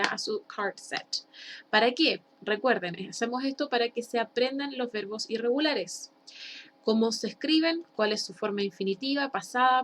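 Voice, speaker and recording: A woman teacher with a Chilean accent gives a recorded bilingual lesson in a slightly high voice. She drills each word with slow, emphatic repetition. A faint hiss of noise sits behind her. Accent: Chilean Spanish. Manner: switches English and Spanish, drills pronunciation slowly and emphatically. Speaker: high school English teacher.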